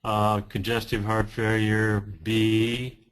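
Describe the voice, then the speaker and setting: A man's voice: on the low side, completely flat delivery, slow, low-quality recording. A man dialing into a conference call whose connection keeps cutting out and breaking up, asking short, direct questions. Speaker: remote caller on a conference call. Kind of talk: casual meeting discussion.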